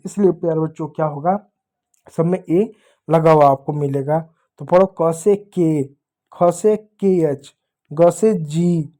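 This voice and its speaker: A man teaching young children, explaining step by step in a slow, patient way and spelling out letters one by one. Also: fairly high pitch, warm tone. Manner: slow, patient, repeats points to young pupils. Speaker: English teacher.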